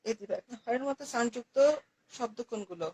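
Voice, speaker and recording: A woman's voice: fairly high pitch, fast, a little mellow, a little hiss or hum, rough recording. Patient woman teaching grammar. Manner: patient, repeats key words, asks and answers her own questions. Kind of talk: classroom lesson explaining articles.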